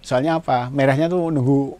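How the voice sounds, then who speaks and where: A man from Indonesia, a coffee farmer, talking in a documentary interview, halting and repeating himself as he explains. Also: medium pitch, steady tone, warm tone.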